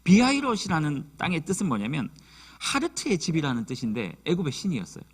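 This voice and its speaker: A man's voice: sits high, fairly bright tone, husky. A man in his thirties preaching a sermon as a youth pastor, telling the story vividly and acting out the quotes.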